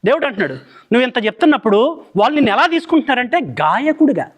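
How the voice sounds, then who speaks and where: A man's voice: very high voice, very animated, fast talker. A man preaching a fiery sermon in Telugu, firing rhetorical questions at the congregation.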